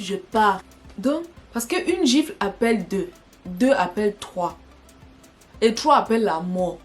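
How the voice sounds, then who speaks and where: A young woman telling a personal story in an animated, dramatic way for her vlog. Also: on the high side. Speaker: vlogger.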